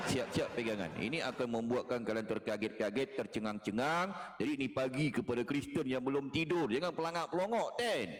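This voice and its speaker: A man delivering a mocking, taunting monologue in a lecturing tone, repeating phrases and chuckling as he jeers. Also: a little high. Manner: mocking, jeering, with frequent chuckles. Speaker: online religious commentator.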